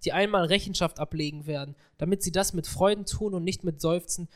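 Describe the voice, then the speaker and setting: A woman interpreting a sermon phrase by phrase, mirroring the preacher's growing excitement. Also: fairly low pitch. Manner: fast, echoes the speaker's rising excitement.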